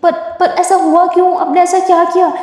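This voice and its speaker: A woman's voice: very high-pitched, flat delivery, moderate pace, a little mellow, voice pushed up. A woman voicing a tough young biker girl who talks firmly and reassures, in a storybook narration. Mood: caring. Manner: firm, reassuring, scolding. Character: Durga, tough biker girl, caring but short-tempered. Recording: heavy echo, long hall reverb.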